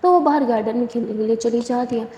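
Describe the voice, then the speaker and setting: A woman's voice: a little high, warm tone. A woman narrating a love story in a plain retelling manner, in an echoey room. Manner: plain retelling, "she says" framing. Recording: echoey room with long reverb, faint hiss.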